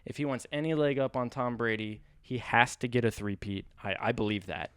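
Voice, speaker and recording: A man with a smooth, clear voice talks through his sports bets in casual podcast chat. He sounds matter-of-fact, with some teasing, and the recording is dry. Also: medium pitch, steady tone, a little fast, a bit bright, dry recording. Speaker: podcast co-host.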